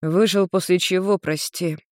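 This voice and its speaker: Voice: mid-range voice, moderate pace, no echo, clean studio sound, close to an everyday voice. A reader voicing a wry, bewildered male demon.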